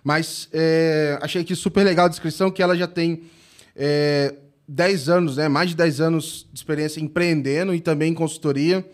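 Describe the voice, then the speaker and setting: A man hosting a podcast, introducing his guest and chatting casually in a halting way. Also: on the high side, steady tone. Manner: halting, many "é" fillers and restarts. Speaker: podcast host. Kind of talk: casual interview chat.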